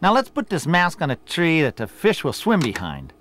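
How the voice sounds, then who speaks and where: A man's voice: a little high, huge pitch swings, normal speed, a bit bright. An actor playing a boastful, teasing middle-aged boss who instructs his apprentice in scripted promotional dialogue. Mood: bossy. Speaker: boss character in a promo video.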